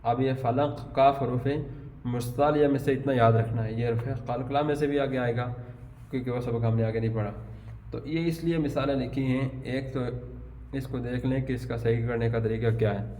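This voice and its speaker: A man teaching Quran recitation in a patient way, spelling out words slowly, syllable by syllable. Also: medium pitch, fairly even intonation, warm tone, slight background noise. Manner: patient, drawn-out syllable-by-syllable drilling. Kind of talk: tajweed lesson, spelling out words. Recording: long hall reverb.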